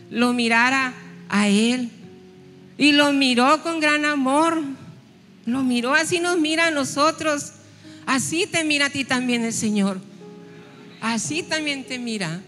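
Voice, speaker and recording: A woman's voice: high voice, unhurried, pauses often. A woman preaching a sermon, retelling Bible stories and voicing the people in them. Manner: retelling Bible stories with lively quoted dialogue. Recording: long hall reverb with faint music.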